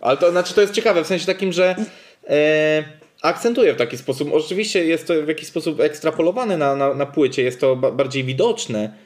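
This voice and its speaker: A man co-hosting a podcast, calm and measured, often pausing with fillers. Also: a little high. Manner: hesitant, many fillers, measured. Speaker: podcast co-host. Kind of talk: casual podcast chat.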